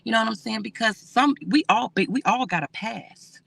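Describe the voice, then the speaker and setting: A woman's voice: fairly high pitch, normal speed, gravelly, a bit bright, husky. A woman hosting a casual livestream, talking candidly and reading viewer comments aloud.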